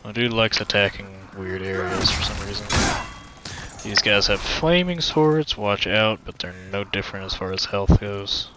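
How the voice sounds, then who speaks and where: A gaming channel host with a lowish, somewhat nasal voice gives laid-back, joking commentary on a game walkthrough at a moderate pace. His headset mic pops and cracks, and background noise is audible.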